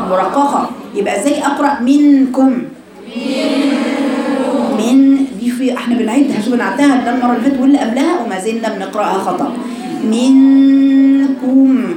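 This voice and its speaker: Egyptian lady teacher correcting students, says sounds over and over slow, roomy echo. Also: a little high. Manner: corrective, demonstrates sounds by repeating them slowly. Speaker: Quran recitation teacher. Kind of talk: tajweed lesson correcting students. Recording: echoey room with noise.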